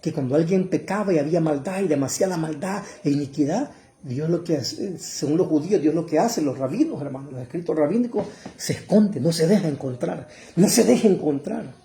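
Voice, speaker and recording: A middle-aged man preaching a fervent sermon, calling listeners brother and rising to loud cries. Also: on the high side, expressive, a little fast, slight background noise. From El Salvador.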